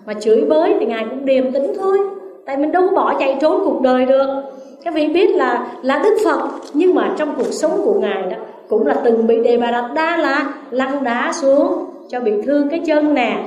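A Buddhist nun with a Southern Vietnamese accent gives a dharma talk in a high voice at a moderate pace. She tells stories, asks her listeners questions and shifts lively between them, recorded on a distant mic in a roomy space.

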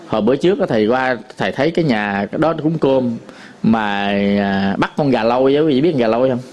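A man's voice: medium pitch, lively intonation, fast, a little mellow. A man with a Southern Vietnamese accent, a Buddhist monk giving a dharma talk to an audience, telling stories with many fillers and repetitions.

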